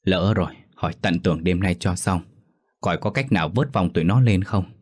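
A man's voice: low-pitched, normal speed. A man voicing an old village woman medium, grave and reproachful, in a ghost story.

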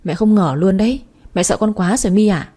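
A woman's voice: medium pitch, a little fast, mellow, natural voice. A woman voicing a spiteful, scheming stepmother who sneers and feigns sweetness, in a spoken story. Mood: falsely sweet.

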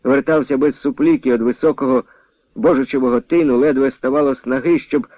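A man narrating a novel in an expressive storytelling manner. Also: medium pitch, fairly quick, dry recording, muffled recording.

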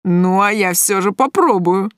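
A woman reading an audiobook voices a cocky young male thug who talks in a slow, sneering drawl. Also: medium pitch, fairly bright tone, clean tone, no room sound, lightly acted.

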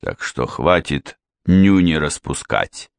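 A man voicing an irritable, blustering middle-aged father in an audiobook, speaking gruffly and snapping. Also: a bass voice, lively intonation, slow, no echo, clean studio sound, heavily acted.

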